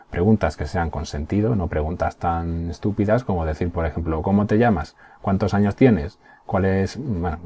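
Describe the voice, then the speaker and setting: Low, warm-voiced teacher. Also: male voice, slightly rough. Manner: patient, explaining step by step with frequent checks like "¿Mm?" and "¿vale?". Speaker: primary school teacher. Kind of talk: recorded remote class.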